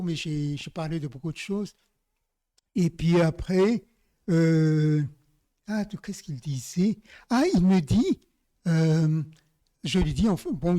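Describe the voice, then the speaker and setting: Warm-voiced man preaching like a storyteller. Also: high-pitched, dry recording. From Madagascar. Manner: chatty, addresses listeners directly, slows down for key phrases. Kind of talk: informal storytelling sermon. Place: church service.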